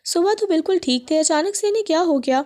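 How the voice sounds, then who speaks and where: A woman's voice: extremely high pitch, expressive, a little mellow. A woman reading a hurt, pleading young wife. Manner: pleading, emotional.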